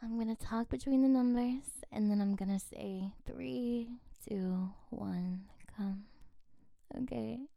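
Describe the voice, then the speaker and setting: A woman doing ASMR role-play as a flirtatious, coaxing friend, drifting between soft breathy speech and speaks softly, close and intimate as if right in your ear. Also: fairly high pitch, slow, no room sound, muffled recording. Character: flirtatious, coaxing female friend on a late call.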